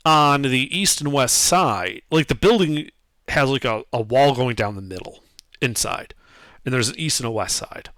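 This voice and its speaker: A man's voice: medium pitch, moderate pace, fairly bright tone, no echo. A man narrating a tabletop game as game master in a casual, improvised way, often searching for words.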